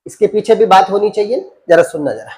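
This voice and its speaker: A man's voice: high voice, lively intonation, fairly quick, mellow. A man teaching a Hindi grammar lesson, often asking rhetorical questions, repeating key terms and calling students "beta". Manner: addresses students as beta and babu.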